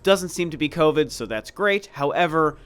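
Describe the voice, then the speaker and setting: A video game review host in his forties is congested and sick with a cold, his voice stuffed-up and slightly scratchy. Even so, it sits on the high side with lively intonation, a fairly bright, smooth tone and a moderate pace, as he offers casual, emphatic, opinionated commentary.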